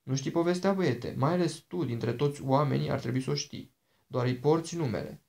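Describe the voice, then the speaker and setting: A man's voice: fairly high pitch, gravelly, a little mellow. A man voicing an ancient princess, a charming and dangerous woman who talks in a sweet, persuasive, coaxing way.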